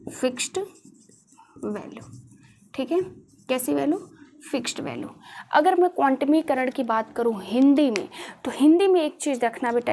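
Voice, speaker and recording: A woman with a high voice teaches a class in front of a board. She asks questions often and repeats the key terms for her students. A faint hiss runs under the recording. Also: darkish tone. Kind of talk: classroom lecture.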